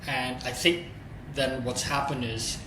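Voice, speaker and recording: A streaming executive answers interview questions candidly and thoughtfully, thinking aloud as he goes. His medium-pitched voice runs a little slow, and the recording has a roomy echo and steady background noise.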